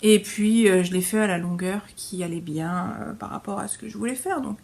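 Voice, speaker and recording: A middle-aged woman hosts a knitting podcast in a casual show-and-tell manner. She talks chattily, full of fillers and small restarts, at a medium pitch for a woman. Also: a little fast, creaky, a little mellow.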